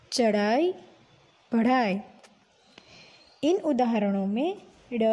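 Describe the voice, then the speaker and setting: A woman teacher giving an online phonics lesson to children, slow and careful, sounding out each letter and word. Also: on the high side, dark tone, breathy edge. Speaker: school teacher.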